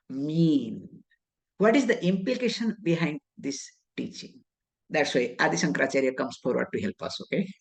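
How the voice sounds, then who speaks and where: A woman with an Indian English accent giving a scriptural discourse as a spiritual teacher, speaking deliberately, weaving in Sanskrit terms and answering her own rhetorical questions. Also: lowish voice.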